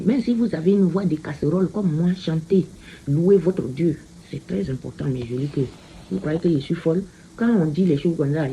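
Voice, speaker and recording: A woman giving a casual card reading, slow and repetitive, often tagging her phrases with a questioning "hein?". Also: sits low, mellow, slight background noise. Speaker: card reader.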